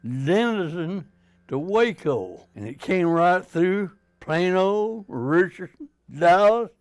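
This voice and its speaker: A very old man recalls his past in an interview. He speaks slowly and haltingly in short, plain phrases, with a clear, smooth voice in a dry, close sound. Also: sits high, animated, dry recording. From Texas, United States. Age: 102, very old man. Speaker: interviewee, World War Two veteran. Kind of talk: reminiscing interview talk.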